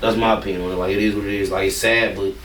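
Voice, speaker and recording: A man's voice: lowish voice, little pitch movement, very fast, a bit bright, reverberant, distant mic, a little hiss or hum. A man, a rapper, talking casually and bluntly in an interview, rambling and swearing freely.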